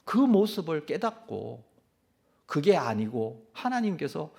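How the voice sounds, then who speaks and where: A man's voice: fairly high pitch, big pitch swings, takes it slowly, gravelly, darkish tone, slightly rough. A male pastor preaching a sermon who asks his listeners questions and then answers them himself.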